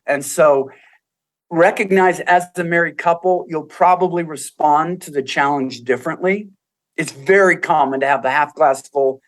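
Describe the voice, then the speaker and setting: A man, a guest on a podcast, earnestly telling stories about couples and acting out what they said. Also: on the high side. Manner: earnest storytelling, acts out quoted voices. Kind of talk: casual interview talk.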